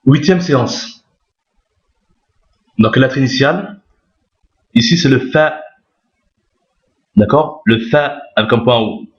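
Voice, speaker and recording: A man's voice: medium pitch, takes it slowly, long pauses. A man teaching how to read Arabic letters, explaining step by step, repeating key points and often checking that listeners follow. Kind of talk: step-by-step lesson. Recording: roomy, dull lo-fi sound.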